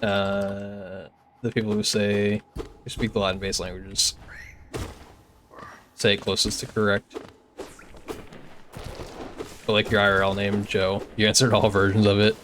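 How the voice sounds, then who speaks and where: Young male game streamer, relaxed chat with viewers, slightly low voice, faint hiss behind. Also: moderate pace. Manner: chatty and easygoing, many filler "like"s. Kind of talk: casual gameplay commentary, reading chat.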